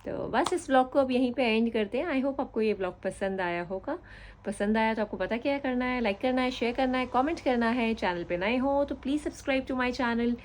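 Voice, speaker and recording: A woman's voice: fairly high pitch, normal speed. A woman in her thirties from India, chatting casually to viewers as she films her family vlog on a handheld phone. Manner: chatty, relaxed, addresses viewers directly. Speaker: family vlogger, mother of two. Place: out and about: streets, restaurant, café, home. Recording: vlog audio with clear background noise.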